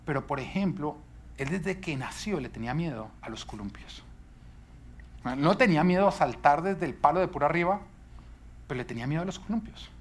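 A man's voice: fairly high pitch, expressive, a little fast, a little hiss or hum. A male pastor preaching a sermon, emphatic and full of rhetorical questions.

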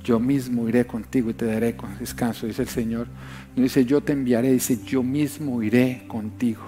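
A man's voice: medium pitch, little pitch movement, fairly quick, dark tone. A middle-aged man preaching a sermon as pastor, impassioned and repeating phrases for emphasis. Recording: music playing behind the voice.

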